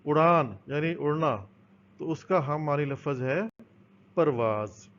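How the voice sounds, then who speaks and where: A man's voice: a little high, fairly bright tone. Patient male teacher, lo-fi recording. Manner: explains patiently, asks and answers own questions. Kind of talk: recorded school lesson. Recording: dull, lo-fi with faint noise.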